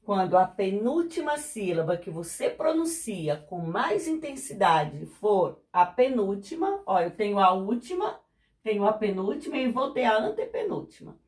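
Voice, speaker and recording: A woman's voice: medium pitch, very animated, darkish tone. A woman explaining lesson material as a teacher, patient and repetitive, often checking whether her students follow. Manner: slow, patient, repeats examples and checks understanding. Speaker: Portuguese teacher. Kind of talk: classroom explanation.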